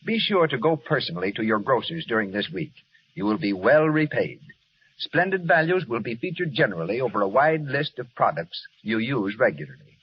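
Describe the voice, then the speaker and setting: A man's voice: medium pitch, very animated, a little fast, husky. A man announcing on an old radio broadcast in a formal 1930s style, reading credits and sponsor messages. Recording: dull old radio broadcast, faint hiss.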